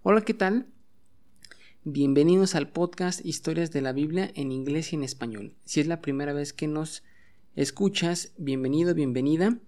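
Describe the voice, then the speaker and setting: With a slightly high, darkish voice at normal speed, a man leads a bilingual podcast lesson from his home. As English teacher and host, he patiently drills words and has listeners repeat each one.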